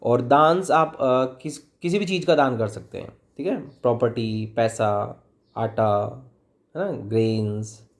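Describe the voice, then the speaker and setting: A man with a Hindi accent teaches English vocabulary in a chatty classroom lesson, posing questions and answering them himself. His voice is medium in pitch and slow in pace.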